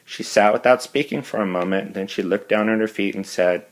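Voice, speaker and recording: A man's voice: lowish voice, brisk, low-quality recording. A male teacher reading a novel aloud to his class, breaking off for friendly asides to his students.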